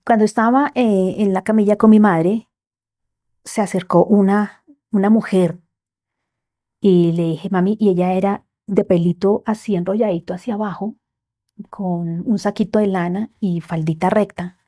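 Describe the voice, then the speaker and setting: As a podcast guest, a woman shares a personal story with heartfelt emotion, often sinking to soft near-whispers. Her voice is medium-pitched and steady, at a moderate pace.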